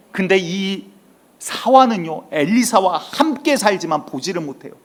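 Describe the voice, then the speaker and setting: A male senior pastor preaching a Sunday sermon with emphatic storytelling and rising outbursts. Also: sits high. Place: church sanctuary.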